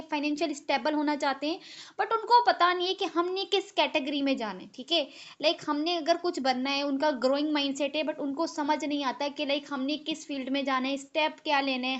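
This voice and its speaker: A woman leading an online team training, mixing English into her talk and filling pauses with a steady refrain of okay. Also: sits high, muffled recording. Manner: mixes English and Hindi, fills with "ठीक है"; slows down to spell out key terms. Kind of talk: live online training session. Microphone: video call.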